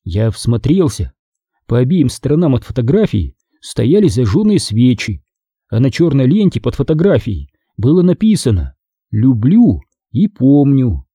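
Male audiobook narrator, expressive and animated, husky. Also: mid-range voice, normal speed, dry recording, studio quality. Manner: expressive first-person narration.

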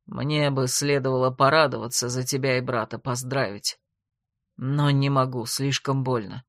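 A woman voicing a heartbroken young male necromancer who speaks quietly and sorrowfully. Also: extremely low pitch, fairly even intonation, normal speed, no room sound, clean studio sound, voice pushed down.

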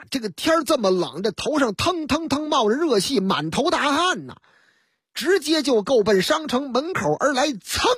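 Woman radio host, husky, animated comic storyteller, dry studio sound. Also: medium pitch, no room sound. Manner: lively storyteller acting out dialogue.

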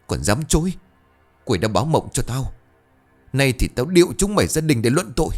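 A man voicing a furious young man who shouts harsh accusations at his family. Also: medium pitch, sing-song, brisk, soft background music, voice pushed up. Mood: enraged.

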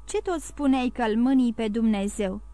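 A woman's voice: fairly high pitch, dark tone, no room sound, natural voice. A woman voicing a grim, scheming innkeeper's wife with a tremulous, sly and menacing way of speaking.

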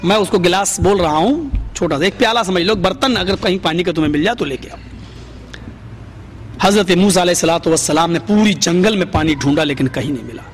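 Picture a high-pitched man preaching to a seated gathering, spinning a story in sermon form. He grows dramatic and lifts his voice whenever he quotes someone. A faint hum of noise sits under him. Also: animated. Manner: dramatic, voice rising for quoted speech. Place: gathering before a seated audience.

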